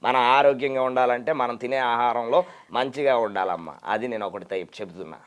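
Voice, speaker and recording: A man's voice: medium pitch, fairly quick, clear, resonant tone. A man being interviewed as a mimicry artist, explaining his imitations in an easygoing way. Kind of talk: casual interview chat.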